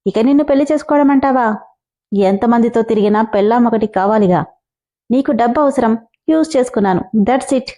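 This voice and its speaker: Woman doing a smug young husband, cold and blunt, lower than her usual voice. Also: a little fast, mellow, lightly acted. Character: arrogant unfaithful young husband, cold, unapologetic.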